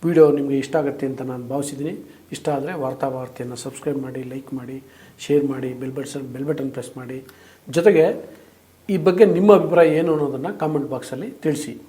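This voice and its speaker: A man hosting an interview who mostly gives brief acknowledgements, then signs off to the viewers in a plain, steady way. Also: medium pitch, brisk. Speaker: interviewer and host. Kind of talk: interview and closing sign-off.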